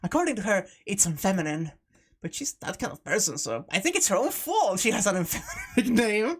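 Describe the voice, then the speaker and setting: A woman's voice: mid-range voice, sing-song, brisk, husky. A woman streaming a visual novel, narrating it aloud and breaking into amused, sweary casual commentary.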